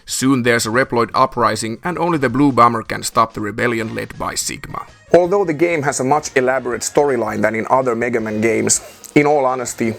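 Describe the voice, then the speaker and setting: A man's voice: medium pitch, vocal fry. A man narrates a scripted video game review over background music. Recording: music behind the voice.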